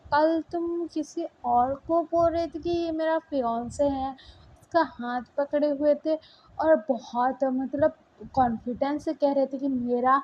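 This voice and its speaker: A woman's voice: sits high, fairly even intonation, a little slow, dull audio, slight background noise. A woman voicing a hurt, jealous young princess who answers with sarcastic, taunting questions.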